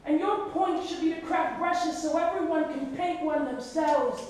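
A woman's voice: high voice, unhurried, a little mellow, a little hiss or hum. A woman with a Canadian accent performing spoken word poetry at a slam, with a rhythmic, emphatic delivery that surges in intensity. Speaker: slam poet. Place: art gallery with seated audience, indoors. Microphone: far camera at the back of the room. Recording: echoey gallery from far off.

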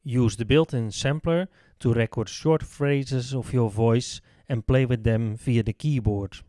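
Slow, calm man explaining an app. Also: medium pitch, long reverb tail. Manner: calm explanatory delivery with occasional fillers. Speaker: app tutorial presenter. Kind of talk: software tutorial narration.

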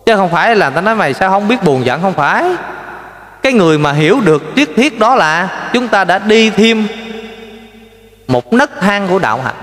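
A lay preacher, a man, tells stories in a lively sermon, asking his listeners questions. His voice sits a little high. It rings through a roomy space with a long reverb tail. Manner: animated storytelling, addresses listeners directly, rhetorical questions. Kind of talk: folksy Buddhist sermon.

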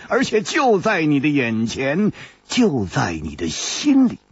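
A man narrating a traditional storytelling audiobook, slow and husky, with wide rises and falls in his voice. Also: fairly high pitch, no echo. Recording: dull lo-fi dry recording.

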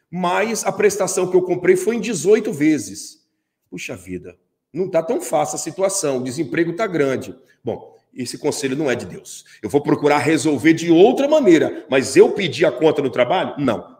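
A middle-aged man with a Brazilian accent, preaching a sermon and telling a story with emphatic repetition. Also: sits high. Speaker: pastor.

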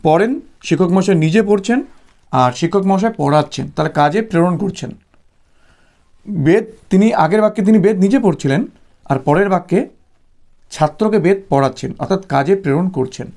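A man from West Bengal teaches a Sanskrit grammar lesson. His voice sits a little high for a man, with a gravelly, fry-laden edge. He explains patiently, repeats himself, fills pauses with "ah", and slows right down to spell out each example. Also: animated, a little mellow. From West Bengal, India. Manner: patient, repetitive explaining with frequent "ah" fillers. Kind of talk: exam-prep grammar lesson.

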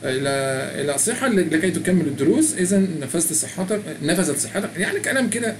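A man's voice: sits high, big pitch swings, fast, background noise. A middle-aged man with an Egyptian Arabic accent, walking through a language app in a chatty way and reading its prompts aloud. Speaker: tutorial presenter. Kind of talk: screen-recorded app walkthrough.

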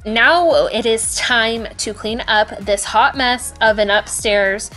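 A woman's voice: mid-range voice, fairly bright tone. Woman, young adult, cleaning vlog voice-over, chatty, upbeat, faint music behind. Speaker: cleaning vlogger. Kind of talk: voice-over narration. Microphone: voice-over, recorded separately. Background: faint background music.

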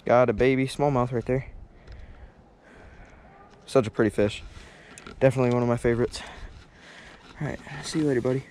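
Excited young man fishing a river. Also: medium pitch, a little fast, long pauses, slight background noise. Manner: excited, chatty, talks to fish while unhooking. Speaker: fishing vlogger. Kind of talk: casual fishing vlog commentary. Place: rocky riverbank outdoors. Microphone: head-mounted action camera.

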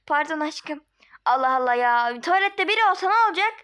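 A woman doing a shrill, indignant young woman. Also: expressive, brisk, fairly bright tone. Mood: indignant scolding. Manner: shrill, scolding, exasperated.

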